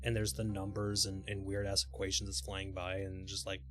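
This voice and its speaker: A man livestreams a video game in a low, monotone, slightly bright voice at a moderate pace, with faint music behind him. His commentary is casual and playful, peppered with offhand swearing and goofy vocal asides.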